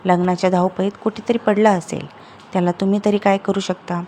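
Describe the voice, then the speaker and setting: A woman storyteller voicing a kind, timid young daughter-in-law who speaks gently. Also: mid-range voice, little pitch movement, brisk, slight background noise, natural voice. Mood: gentle. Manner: gentle, reassuring.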